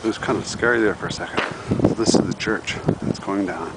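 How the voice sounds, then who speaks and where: A man filming himself outdoors while exploring an abandoned site, giving a hushed, nervous running commentary and short of breath. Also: sits low, a little fast. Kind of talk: handheld exploring vlog. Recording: loud wind noise outdoors.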